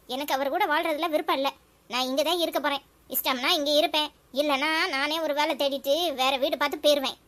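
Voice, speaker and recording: A woman with a very high, slightly bright voice and a Tirunelveli Tamil accent voices a stubborn young married woman in a cartoon. She speaks curtly and defiantly.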